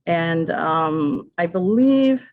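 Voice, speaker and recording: A woman's voice: on the low side, expressive, drawn-out words. A woman from Southern California in her sixties, an ESL teacher presenting on a video call, hesitant with many fillers and restarts. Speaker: adult school ESL teacher presenting a webinar. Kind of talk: casual spoken presentation over video call. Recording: tinny phone-like audio.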